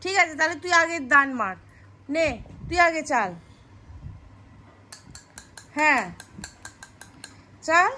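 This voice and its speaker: A woman's voice: high-pitched, animated, takes it slowly, pauses often, sharp tone, a little hiss or hum. A woman chatting casually while playing a board game at home, coaxing and exasperated. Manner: coaxing and exasperated, with frequent sighs. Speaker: family vlogger.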